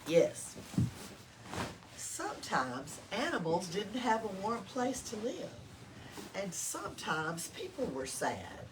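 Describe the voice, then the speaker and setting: Storytime at the library: a mid-range-voiced woman with a Southern US accent reads a picture book expressively to a group of children, breaking off to ask them questions. Room noise is noticeable since the mic is distant.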